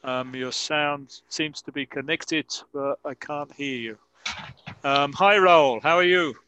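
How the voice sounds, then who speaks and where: Slow, bright-voiced male English teacher. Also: on the high side, clean tone, no room sound. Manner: slow, careful, models pronunciation by repeating sentences. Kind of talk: online class explaining grammar.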